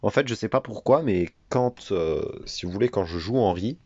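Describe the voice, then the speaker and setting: A man's voice: on the low side, expressive, moderate pace, a little mellow, no room sound, lo-fi sound. A teenage man talking casually to his viewers, hesitant and full of filler sounds. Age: teens. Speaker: gamer and video creator.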